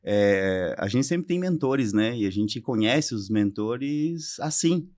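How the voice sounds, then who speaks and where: A man's voice: medium pitch, animated, slow, darkish tone, no room sound, clean studio sound. A Brazilian man hosting a podcast, speaking with effusive enthusiasm to his guest. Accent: Brazilian Portuguese. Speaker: podcast host. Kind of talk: casual interview talk.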